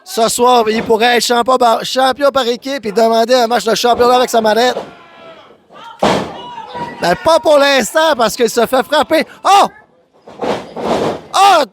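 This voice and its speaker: High-pitched, excitable male Quebec wrestling commentator. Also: moderate pace. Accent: Quebec French. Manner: exclamatory, often raising voice to a shout. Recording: noisy live event commentary.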